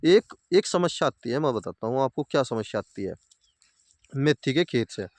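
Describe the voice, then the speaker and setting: A man's voice: medium pitch, expressive, normal speed, darkish tone, no echo. A man talking casually outdoors by his fields, giving plain, repetitive advice to fellow farmers. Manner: plain-spoken, repeats points, addresses viewers as farmer brothers. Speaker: farming video host.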